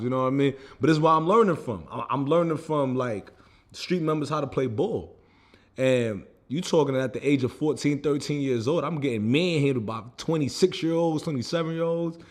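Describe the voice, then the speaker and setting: Mid-range in pitch, this young American man addresses the camera about his own setbacks. The delivery is casual personal storytelling, loose and conversational, with frequent restarts and fillers like "you know what I mean."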